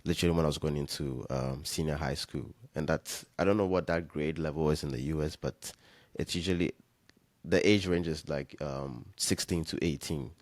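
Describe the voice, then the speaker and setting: A young man from Ghana, a guest on an interview podcast, telling his story in a relaxed, rambling way with many fillers and restarts. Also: a bass voice, normal speed, dry recording. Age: young adult. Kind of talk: casual interview chat.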